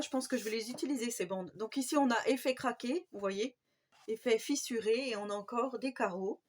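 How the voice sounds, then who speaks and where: A woman's voice: fairly high pitch, a little hiss or hum. A woman with a French accent hosting a casual craft vlog, chatty and enthusiastic, with many fillers. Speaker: scrapbooking channel host.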